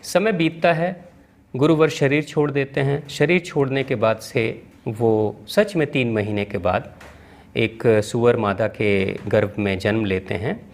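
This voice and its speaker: A man, a spiritual teacher, telling a spiritual story in an animated, vivid way. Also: medium pitch, measured pace.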